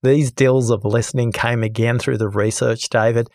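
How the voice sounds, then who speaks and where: A man who is a guest on a podcast, telling a story with lively energy and acting out the people in it. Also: medium pitch, moderate pace, no echo, clean studio sound. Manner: lively, acts out the people in his stories. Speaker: podcast guest, listening expert. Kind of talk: animated storytelling in conversation.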